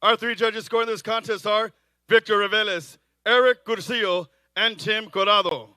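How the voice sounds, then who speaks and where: A male ring announcer with a high, crisp, resonant voice and a dry, close sound. He delivers boxing introductions theatrically, like a lucha libre announcer, drawing out key phrases. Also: no room sound. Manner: theatrical, drawn-out shouted names and phrases. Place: live boxing event.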